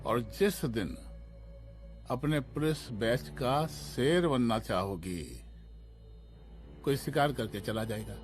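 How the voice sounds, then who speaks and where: A man's voice: mid-range voice, takes it slowly, long pauses, soft background music, close to an everyday voice. An actor playing a smug, menacing male chief minister villain in a Hindi film dub, speaking with a mocking, condescending rustic drawl. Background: film score.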